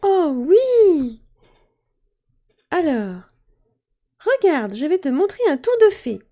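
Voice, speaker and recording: A woman voicing a tiny, playful little girl fairy who turns shrill and whiny when hurt. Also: big pitch swings, slow pace, mellow, heavily acted. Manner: very high, squealing.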